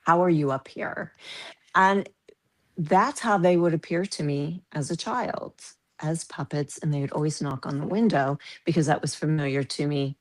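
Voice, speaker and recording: A woman's voice: low voice, moderate pace. A woman in her fifties from the American Midwest, a podcast guest telling stories animatedly and laughing through them. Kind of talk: casual storytelling.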